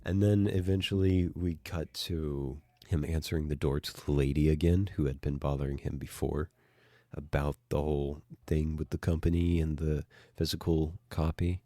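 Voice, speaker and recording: A man narrating a casual video essay, excitable and swearing freely as he gushes. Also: extremely low pitch, normal speed, dry recording. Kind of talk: casual enthusiastic commentary.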